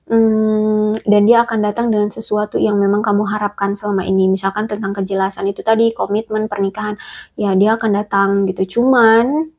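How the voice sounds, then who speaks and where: A woman's voice: mid-range voice, little pitch movement, brisk, darkish tone. A woman giving a casual tarot reading straight to the listener, chatty and hesitant, with many fillers and restarts. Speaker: tarot reader.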